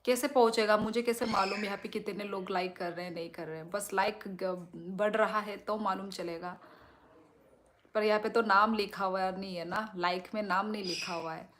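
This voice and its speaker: A woman hosting a casual livestream, reading viewer comments aloud, thanking them and asking for likes, with a strong, loud voice into a phone. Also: medium pitch, fairly even intonation, moderate pace. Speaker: livestream host.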